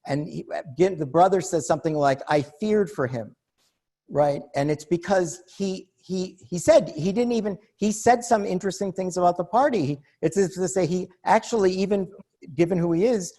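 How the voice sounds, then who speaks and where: A man's voice: sits high, a little fast, warm tone. A man hosting a casual film discussion, asking probing, rambling questions.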